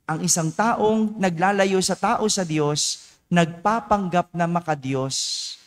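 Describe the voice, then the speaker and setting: A man preaching a homily as parish priest, asking his congregation rhetorical questions and tagging his sentences with a questioning "no?". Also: high-pitched. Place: church. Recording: long church reverb.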